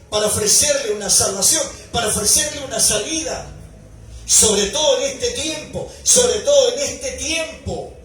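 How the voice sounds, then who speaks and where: A male pastor preaching a sermon, building to shouted emphasis at key points. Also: very high voice. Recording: echoey hall recording from far off, faint noise.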